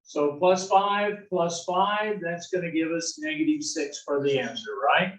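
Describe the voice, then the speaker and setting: This folksy algebra instructor from the south-central US has a fairly high, fairly bright voice and an unhurried delivery. His classroom lecture, full of corny jokes and "right?", is captured on a distant mic in an echoey room.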